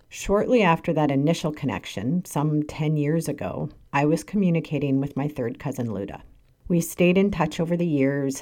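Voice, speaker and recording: This Canadian podcast host, a woman in her 40s, has a low, mellow voice. She reads a scripted personal monologue in an earnest, measured way, leaning hard on certain words.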